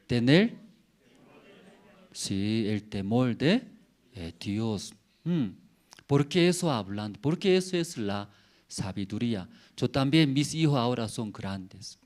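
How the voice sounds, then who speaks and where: Pastor, middle-aged man, Korean accent, slow deliberate sermon, simple phrasing, rhetorical tags. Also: mid-range voice, animated, darkish tone. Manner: simple broken Spanish, rhetorical questions with "mm?" tags.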